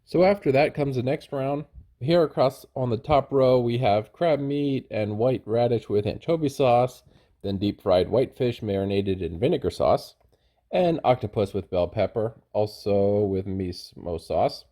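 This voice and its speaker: Very mellow-voiced man narrating a trip review. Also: mid-range voice, a little slow. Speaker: travel vlogger.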